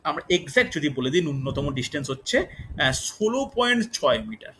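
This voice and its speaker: A man teaching a live online physics class for exam students. He keeps asking the class questions and repeats key numbers slowly so they sink in. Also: fairly high pitch, big pitch swings, fairly bright tone, poor audio. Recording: faint background noise.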